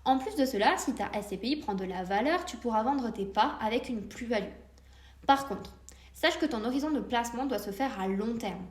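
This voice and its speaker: A woman's voice: a little high, expressive, moderate pace, a little mellow, reverberant. A woman hosting a solo podcast, explaining investments step by step and speaking directly to the listener in a friendly way. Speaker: podcast host.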